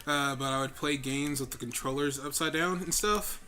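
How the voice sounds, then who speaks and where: Co-hosting a laid-back gaming session, this man talks at a moderate pace in a bright, forceful, mid-range voice. He's giggly, joking and laughing frequently as he plays.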